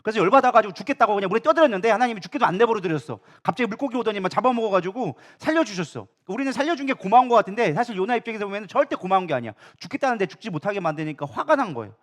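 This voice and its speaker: A man preaching a sermon as pastor, animated and acting out quoted complaints. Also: sits high, racing, hardly any pauses. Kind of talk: lively sermon.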